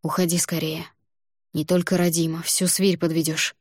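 A woman's voice: on the low side, level tone, normal speed, no echo, studio quality, lightly acted. A woman voicing a young man behind bars who urgently hisses short orders, in audiobook narration. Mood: urgent, terse. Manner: hissing, terse urgency.

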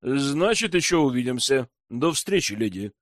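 A male narrator voicing a smug, cool young nobleman mage in an audiobook, low and drawling. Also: sing-song, normal speed, dry recording, studio quality, close to an everyday voice. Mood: smirking.

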